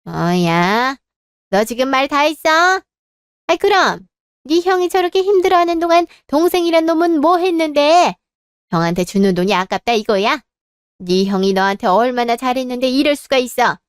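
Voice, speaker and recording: A woman's voice: high-pitched, expressive, normal speed, clear, resonant tone, dry recording, studio quality. A woman voicing a domineering older mother-in-law who reproaches and makes demands. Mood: scolding. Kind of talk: dramatized story reading.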